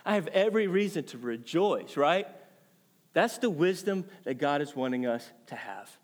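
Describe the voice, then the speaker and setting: A man preaching a sermon, animated and earnest, often checking in with his listeners and repeating words as he builds a point. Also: on the high side, moderate pace. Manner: animated preaching with frequent "right?" check-ins. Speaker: pastor.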